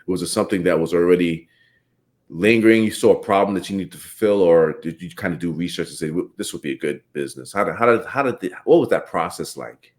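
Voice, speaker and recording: A man from the Bahamas hosting a casual interview, talking in a relaxed, rambling way and laughing often. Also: sits low, quick pace. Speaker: podcast host.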